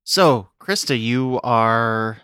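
An easygoing game master in a dead, dry room, with a voice of middling pitch. He sets up scenes and prompts the players to roll. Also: animated, drawn-out words, bright, forceful tone, smooth, no room sound. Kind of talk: narrating a tabletop game.

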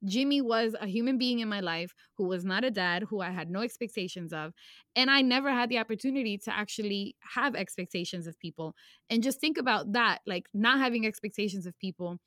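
A woman's voice: mid-range voice, a little fast, a bit bright, dry recording, clean studio sound. A young woman talking candidly about her past in a personal conversation, emotional and casual, with slang and swearing.

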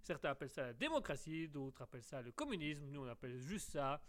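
A man's voice: on the high side, sing-song, fast talker, fairly bright tone. A man with a slight English accent hosting a live call-in radio show, playful, rambling and theatrical. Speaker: radio host.

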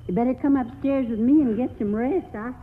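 A woman's voice: a little high, brisk, a little hiss or hum, natural voice. An actress playing a fussy, devout old grandmother who scolds her husband, in a 1940s radio drama over a tinny broadcast with music. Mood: scolding. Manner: scolding, prim.

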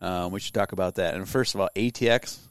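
A man hosting a casual podcast chat, laid-back, laughing often and trailing off quietly. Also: sits low, fast, clean tone, no echo. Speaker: podcast host.

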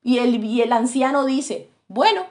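Woman preacher, kinda high voice, chatty storytelling sermon. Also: unhurried, a little mellow. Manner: storytelling, conversational, addressing the congregation.

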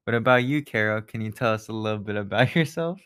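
A man in his twenties from the United States, co-hosting a casual podcast, easygoing and quick to laugh. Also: fairly low pitch, fairly bright tone, smooth. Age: 20s. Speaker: podcast co-host.

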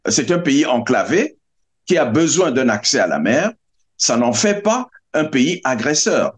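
Halting man on a debate panel. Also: medium pitch, sing-song. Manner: halting, many fillers and restarts. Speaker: advisory board president, guest.

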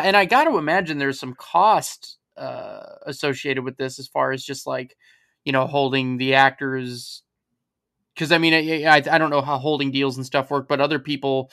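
A man in casual podcast talk with a bright, crisp and smooth voice. His pitch stays flat while he rambles and restarts his thoughts. He speaks as a film analyst co-host. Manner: rambling, thinking aloud, frequent restarts. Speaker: staff writer and box office analyst, co-host.

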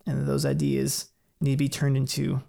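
A man talks through ideas in an easygoing conversational way. His voice has a heavy gravelly fry, and he thinks aloud with light laughs. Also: mid-range voice, completely flat delivery, moderate pace, warm tone. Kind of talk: casual explanatory chat.

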